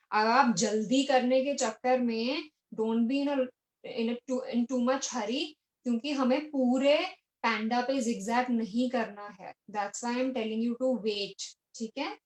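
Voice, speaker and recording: Slow, patient Indian woman teacher. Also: on the high side, rough recording. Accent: Indian English. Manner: patient, coaxing, repeats instructions, mixes Hindi and English. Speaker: art teacher. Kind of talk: online art class for children.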